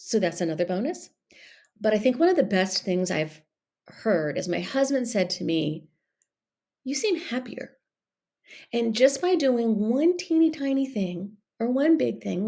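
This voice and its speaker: Chatty woman, gravelly edge. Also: mid-range voice, darkish tone. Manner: encouraging, chatty, direct address to listeners. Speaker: podcast host. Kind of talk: casual motivational talk.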